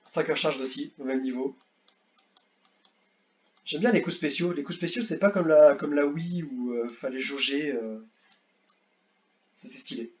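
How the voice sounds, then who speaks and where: A young man casually ranking video games, rambling and repeating himself, with excitable bursts. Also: fairly high pitch, unhurried, pauses often, highs cut off. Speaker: gaming youtuber. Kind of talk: casual tier-list commentary.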